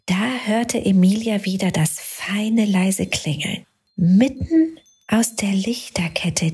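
A woman narrating a bedtime story for children in a soft, often half-whispered voice. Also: medium pitch, husky.

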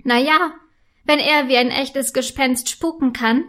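Woman doing a little girl, eager and jumpy, high childlike voice, slow unhurried delivery, storybook reading. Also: steady tone, fairly bright tone. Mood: mischievous. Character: excitable little girl, eager and easily scared.

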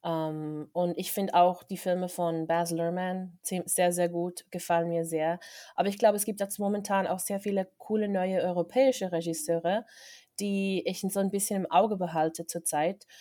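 A woman's voice: lowish voice, fairly even intonation, moderate pace, dark tone. A young woman, a film director chatting as a guest on a podcast, thoughtful and hesitant with many fillers. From Switzerland. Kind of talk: casual interview chat.

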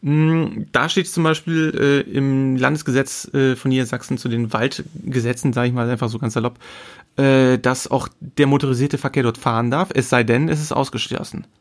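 A man co-hosting a casual podcast chat, explaining slowly with many fillers and restarts. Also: mid-range voice, steady tone. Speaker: podcast co-host.

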